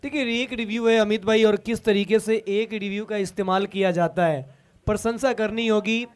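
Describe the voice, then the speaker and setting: A man's voice: sits high, fairly even intonation, moderate pace, clean tone. A man commentating on live cricket, discussing the match with a partner and addressing viewers. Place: commentary box at a cricket ground.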